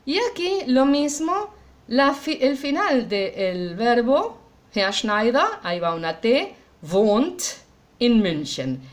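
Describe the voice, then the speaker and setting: Lady walking thru german verb exercises, highish voice that bounces around a lot, slows way down on the german bits. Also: very animated. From Argentina. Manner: slows down to pronounce German example sentences; checks understanding with a frequent "¿ya?". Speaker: German teacher. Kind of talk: explaining grammar exercises in a recorded class.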